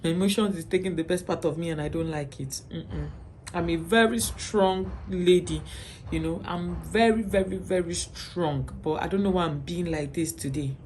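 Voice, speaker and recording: A woman's voice: fairly low pitch, normal speed, a little mellow, a little hiss or hum. A Nigerian woman vlogging as a mother, talking earnestly to her viewers and often checking in with "okay?". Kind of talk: personal vlog to camera.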